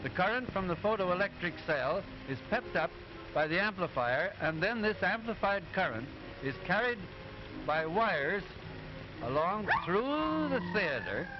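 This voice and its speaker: A man playing an instructive professor in an early talkie cartoon, explaining things in a deliberate, didactic manner. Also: high voice, sing-song, noisy background. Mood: patient, instructive. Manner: deliberate, didactic, clearly enunciated. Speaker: narrator explaining sound film. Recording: dull 1920s optical film soundtrack, music behind.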